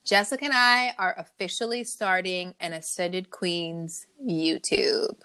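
A woman's voice: on the low side, fairly even intonation, measured pace, bright, forceful tone, clean tone. A woman co-hosting a podcast in brash, profane, playful casual chat. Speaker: podcast co-host.

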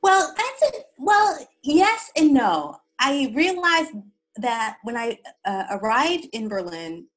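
A woman's voice: high-pitched, very animated, slow, poor audio. A woman from the East Coast, telling her story as an interview guest, reflective and often repeating words as she searches for them.

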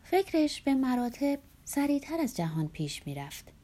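A woman narrating a literary audiobook in a soft, breathy, half-whispered reading voice. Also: high voice, sing-song.

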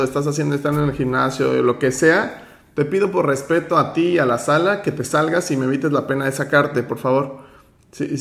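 A man's voice: a little high, creaky, roomy sound. A man hosting an online finance workshop, teaching with motivation and firmly running roll call. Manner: firm, direct, gives instructions.

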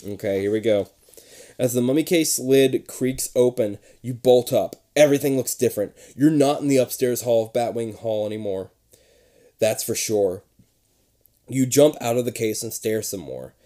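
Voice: medium pitch, mellow. A playful narrator giving a theatrical read-aloud of a children's horror gamebook.

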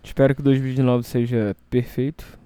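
Hungover Brazilian man, very dark mellow voice. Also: mid-range voice, level tone, fairly quick, clear, resonant tone, dry recording. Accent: Brazilian Portuguese. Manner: hesitant, rambling. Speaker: solo show host. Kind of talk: casual rambling monologue.

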